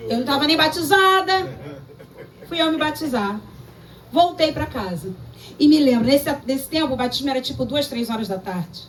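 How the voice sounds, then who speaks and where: A woman pastor with a Brazilian Portuguese accent, preaching a lively, emphatic sermon full of personal stories. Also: sits high, normal speed. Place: church service. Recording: distant mic with faint room ambience.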